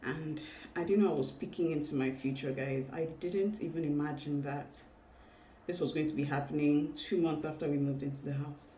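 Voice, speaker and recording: A woman in her thirties talking casually and confessionally to vlog viewers, candid and emotional, with halting speech and small exclamations. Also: low voice, steady tone, dark tone. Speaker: vlogger. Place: indoors in a home room. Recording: roomy, distant mic, faint noise.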